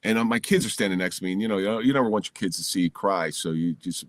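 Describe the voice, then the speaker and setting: A middle-aged man from New Jersey, a podcast guest telling a personal story in a candid, lively way, recorded in his home basement. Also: deep voice, quick pace, no echo.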